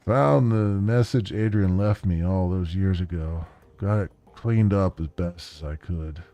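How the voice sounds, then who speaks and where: A man voicing a tired middle-aged man who drinks alone, talking slowly and reflectively. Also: low voice, mellow, no room sound, soft background music. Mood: weary.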